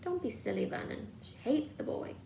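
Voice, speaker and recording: A woman voicing a sharp, fussy woman who dotes on her son, in a snappish manner, in a storybook read-aloud. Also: normal speed, echoey room, slight background noise, lightly acted. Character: sharp fussy woman, a boy's doting mother.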